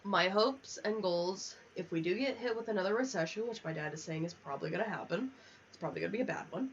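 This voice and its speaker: Fast and mid-range, a young American woman's voice carries casual, rambling livestream chat while she games. She is talkative and unfiltered, swearing frequently, and the lo-fi mic is dull with noticeable background noise.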